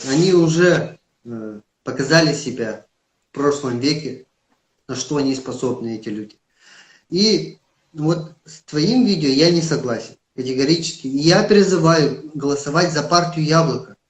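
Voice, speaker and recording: An earnest political candidate with a Yakut accent speaks in a fairly high, lively voice at normal speed during a live-streamed interview picked up by a phone. He is emphatic but hesitant, using fillers, and the sound has a roomy echo.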